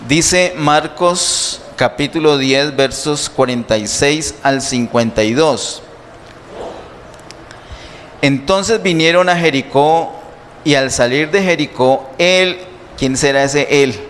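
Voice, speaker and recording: A male pastor preaching slowly and emphatically, asking the congregation rhetorical questions. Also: fairly high pitch, fairly bright tone. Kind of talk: sermon. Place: church sanctuary. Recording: long church reverb, faint noise.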